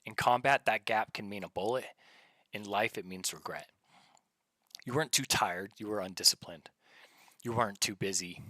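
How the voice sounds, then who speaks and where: Male motivational speaker, lowish and hard-edged, blunt commands in stern military style, dry close sound. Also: bright, forceful tone, no room sound. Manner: blunt, commanding, short punchy phrases.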